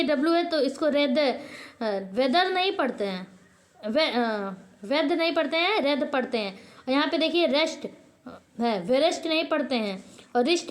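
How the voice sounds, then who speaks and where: Her channel's viewers hear a high-voiced, light-toned teacher pose questions and immediately answer them to drill the lesson. She frequently stops and fixes her words partway through.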